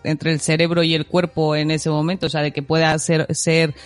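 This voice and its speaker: A woman's voice: low voice, level tone, moderate pace, soft background music. A woman co-hosting a podcast who chats casually, acts out scenes in her stories and laughs often. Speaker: podcast co-host. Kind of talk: casual chat, storytelling.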